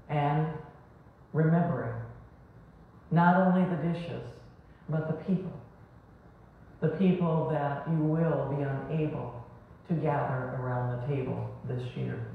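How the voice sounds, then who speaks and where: A middle-aged woman pastor giving a slow, measured sermon in a small church sanctuary, recorded by a distant camera. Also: deep voice, slight background noise. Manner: slow, measured preaching with rising and falling emphasis. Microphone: far camera. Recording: echoey church from far off, dull sound.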